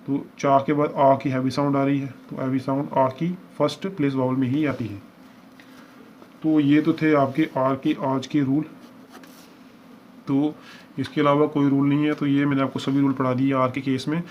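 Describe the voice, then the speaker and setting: A man with a mid-range voice patiently teaches a shorthand lesson, walking through each step in a level tone at normal speed. He repeats examples as he goes. The lo-fi recording sounds dull, with a faint hiss.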